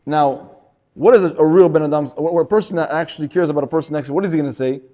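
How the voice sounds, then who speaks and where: A man teaching an informal Torah class in a synagogue, animated and often repeating words as he acts out stories. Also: fairly high pitch, rapid-fire.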